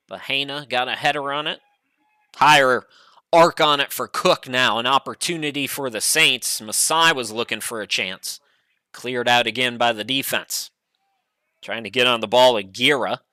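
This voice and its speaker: A middle-aged man calling a college soccer match play-by-play from a home studio, chatty and relaxed with frequent fillers. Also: medium pitch, no room sound. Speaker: play-by-play commentator.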